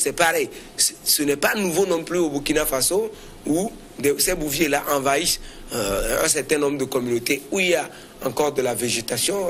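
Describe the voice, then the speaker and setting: This male panelist speaks in a fairly high, fairly bright voice, and a little hiss or hum runs underneath. Discussing current affairs off the cuff, he often hesitates and repeats himself as his political argument takes shape.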